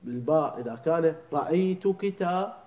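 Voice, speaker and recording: A man leads a religious class, his voice sitting somewhat high. He keeps stopping to ask whether he is understood and repeats words slowly to drill their pronunciation. The sound bounces around an echoey room. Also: lively intonation, dark tone. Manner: keeps checking understanding with short questions. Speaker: religious teacher. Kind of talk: classroom lesson on prayer recitation.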